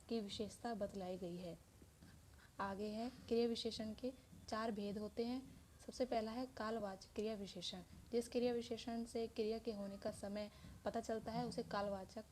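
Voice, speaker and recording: Female teacher, mellow voice, patient step-by-step explaining, faint room hum. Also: on the high side. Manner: explains step by step with many examples. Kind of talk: Hindi grammar lesson.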